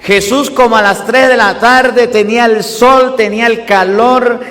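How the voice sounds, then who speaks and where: Hombre predicando despacio en una sala con eco. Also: male voice, very high voice, fairly even intonation, unhurried, a bit bright. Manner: asks the listeners questions and answers them himself. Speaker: priest. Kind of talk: sermon. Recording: music and long hall reverb.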